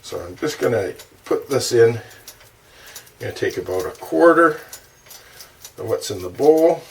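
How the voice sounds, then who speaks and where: A man hosting a low-budget cooking show, talking through each step of a recipe in a relaxed, chatty way while he cooks in his kitchen. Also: a little slow, vocal fry. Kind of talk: casual cooking demonstration. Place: home kitchen. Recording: distant mic with kitchen noise.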